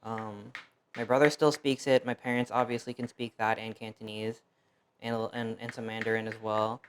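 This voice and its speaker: With a fairly low, fairly flat voice at a moderate pace, a young U.S. man who grew up speaking Fuzhounese chats casually during a cooking stream. He leans on fillers and self-deprecating remarks, and slight background noise is audible.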